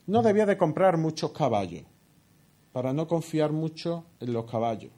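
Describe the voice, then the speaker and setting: Speaking at a normal speed with a mellow, slightly high voice and lively intonation, a man explains a Bible passage in his sermon. He poses rhetorical questions and often adds "¿no?", recorded on a headset earpiece.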